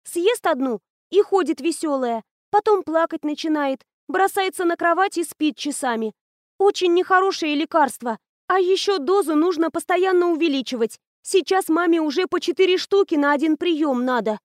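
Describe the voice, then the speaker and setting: A woman voicing a sly teenage girl who feigns sweet innocence, speaking in a high, wheedling, falsely timid way. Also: lively intonation, normal speed, no room sound, studio quality. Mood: mock concern.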